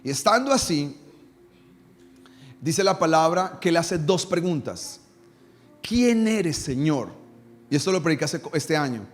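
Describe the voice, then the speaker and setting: A man's voice: lively intonation, normal speed, long pauses, faint music behind. Preaching man in an echoing hall. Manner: preaches with rhetorical questions, dropping low and quiet on quoted prayers. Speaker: pastor. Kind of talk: sermon. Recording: long reverb in a church hall.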